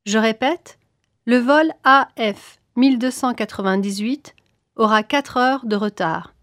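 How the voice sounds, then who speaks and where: A woman reading scripted airport announcements in a formal, clearly articulated manner. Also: a little high, unhurried, a bit bright, dry recording, clean studio sound. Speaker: announcer in a listening exam.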